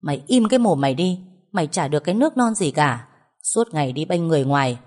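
A woman voicing a doting, quick-tempered older village mother who cries, pleads and scolds. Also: fairly low pitch, lively intonation, darkish tone. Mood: scolding.

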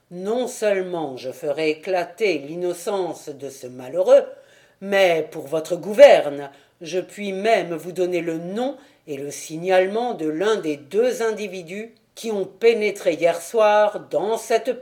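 Man reading as a calm, assured detective. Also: high-pitched. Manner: assured, measured.

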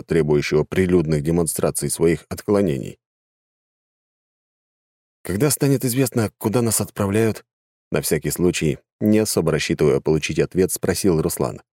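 Deep-voiced male audiobook narrator. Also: dry recording, clean studio sound. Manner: even, measured storytelling. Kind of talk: scripted narration.

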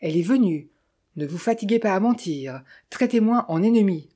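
A woman's voice: medium pitch, animated, normal speed, mellow, slightly rough. A woman voicing a tense young man posing as a detective, speaking curtly in a storybook reading. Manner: curt, clipped, through clenched teeth.

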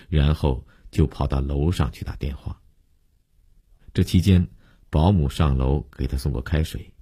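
Male storyteller, measured audiobook narration, husky tone, dry studio sound. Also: rumbling low, dark tone, dry recording.

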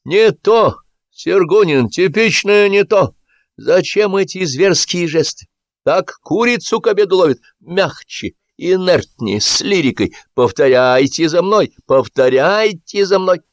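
A man voicing a pompous, bossy film director who declaims slowly and shouts orders, raised high above his own voice. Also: sing-song, no room sound, dull audio. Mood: scolding. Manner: theatrical, bossy, drawn-out declaiming.

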